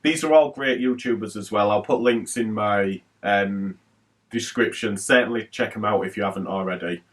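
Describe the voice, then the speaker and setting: Chatty man, low voice, slightly off mic. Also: moderate pace, recorded from a distance. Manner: chatty and rambling, with many fillers. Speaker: retro gaming YouTuber. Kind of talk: casual haul vlog talk.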